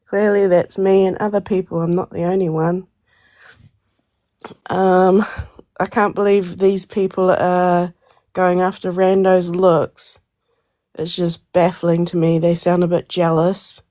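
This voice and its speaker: Female panelist, sick, lowish mellow voice, dry close sound, accusing tone. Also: little pitch movement, unhurried, no room sound. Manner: pointed, accusing. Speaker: livestream debate panelist. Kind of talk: heated live-stream argument.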